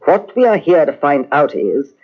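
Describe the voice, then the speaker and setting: A brisk, probing police inspector. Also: male voice, on the high side, very animated. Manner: clipped, polite, probing. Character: brisk male police inspector, dogged and courteous. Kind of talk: 1950s radio drama acting. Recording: dull old radio transcription.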